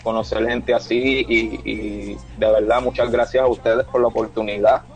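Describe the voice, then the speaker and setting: Halting man, radio guest. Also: on the low side, flat delivery, muffled recording, faint music behind. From Puerto Rico. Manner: halting, many restarts, grateful. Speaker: guest musician.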